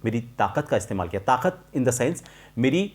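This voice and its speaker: This man, a voice coach, presents an instructional tutorial, explaining things in a measured, emphatic manner and going back over key points. His medium-pitched voice is sing-song and somewhat dark in tone.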